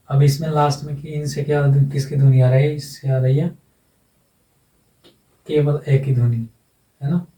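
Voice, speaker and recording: Slow, repetitive male phonetics teacher. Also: mid-range voice, dark tone, roomy sound, recorded from a distance, rough recording. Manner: slow, repeats each sound several times; ends phrases with a checking "है ना". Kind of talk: whiteboard phonetics lesson.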